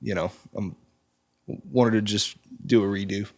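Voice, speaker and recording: A man in his twenties, a musician guest, talking in a relaxed, halting way with frequent ums in a studio interview. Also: on the low side. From Czech Republic. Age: 20s. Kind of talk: casual interview chat. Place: recording studio.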